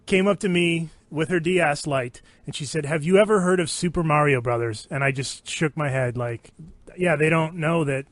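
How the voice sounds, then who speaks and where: A man's voice: on the high side, moderate pace, dry recording. A man co-hosting a casual gaming podcast, telling a joking story with lots of laughter. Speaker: podcast co-host. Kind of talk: casual banter.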